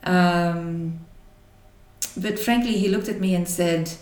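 A woman's voice: lowish voice, fairly even intonation, darkish tone, distant mic. Reflective woman from Belgium, roomy echo. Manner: thoughtful, many pauses and restarts. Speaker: interview guest. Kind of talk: reflective personal storytelling.

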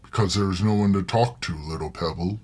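A man voicing a huge ancient male dragon who speaks in a deep, slow, measured rumble. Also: a little mellow, slightly rough. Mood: patient.

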